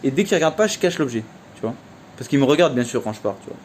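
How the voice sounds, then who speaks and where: A man's voice: medium pitch, lively intonation, quick pace, a little hiss or hum. A young man telling a casual story in a vlog, chatty and slangy, full of fillers. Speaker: vlogger.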